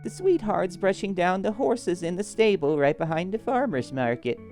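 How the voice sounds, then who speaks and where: Frail elderly sheep shopkeeper, soft and kindly, as the game master puts her on. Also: on the low side, sing-song, normal speed, soft background music, pitched above the performer's own voice.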